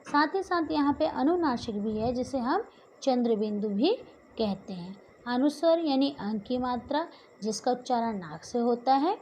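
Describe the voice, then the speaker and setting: A woman's voice: fairly high pitch, animated, a little slow, darkish tone, a little hiss or hum, low-quality recording. A woman teacher giving a grammar lesson, asking questions and answering them herself and drawing out the example sounds.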